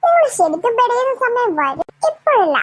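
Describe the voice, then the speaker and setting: A woman puts on a young female ghost in a cartoon who boasts about scaring people and gives cold warnings. Her voice is high yet pushed lower and ominous, and it sounds dry and close. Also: very animated, brisk, dry recording. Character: spooky young female ghost, teasing and menacing. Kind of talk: cartoon voice acting.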